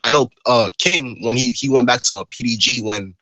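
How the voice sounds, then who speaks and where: A man's voice: mid-range voice, moderate pace, pushed and bright, dry recording. A man in roleplay voice chat, rambling through a retelling with lots of fillers.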